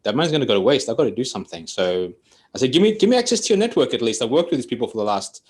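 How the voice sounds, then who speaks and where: A Greek man in his forties, a coach and trainer, is a guest on a podcast, telling his story in a chatty, casual interview and laughing often. His mid-range voice is husky and darkish in tone, with a sing-song lilt and a racing pace.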